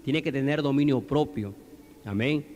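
With a mid-range, slightly mellow voice at normal speed, a Peruvian man delivers a sermon in a reverberant church hall. He preaches conversationally, frequently putting questions to the congregation.

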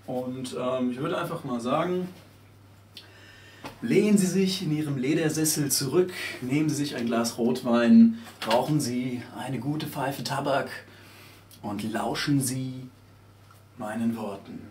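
A man in his room giving a theatrical rhymed performance, swinging from hushed murmurs to shouting. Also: mid-range voice, measured pace. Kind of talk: dramatic rhymed performance piece. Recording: echoey room, mic at a distance, faint hiss.

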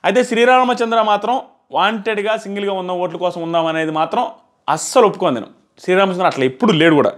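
High-voiced and quick, a man in his thirties reviews a reality show casually and emphatically to camera, repeating phrases to stress them. He's recorded indoors in a small plain room with a clip-on lapel mic.

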